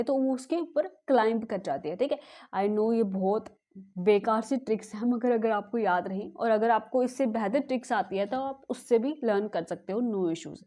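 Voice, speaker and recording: Woman teacher doing exam prep tricks, chatty, keeps asking okay?, mellow kinda high voice. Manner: chatty, ends almost every sentence with a checking "okay?"; mixes English words into Hindi.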